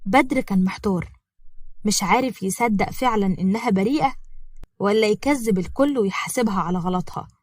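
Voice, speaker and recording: A woman storyteller with an Egyptian Arabic accent, narrating in a plain, steady way. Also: mid-range voice, fairly quick, no room sound.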